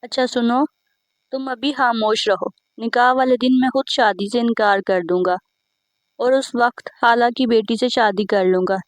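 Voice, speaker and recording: A woman voicing a calm, kind young man who speaks gently and reasonably. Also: on the high side, normal speed, dry recording, lightly acted.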